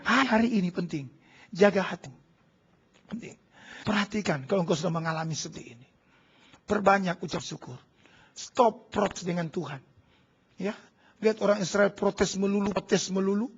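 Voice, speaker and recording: A man preaching a charismatic sermon as pastor, swinging between shouted exhortation and hushed low prayer. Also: moderate pace, long pauses, husky, highs cut off. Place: large church hall.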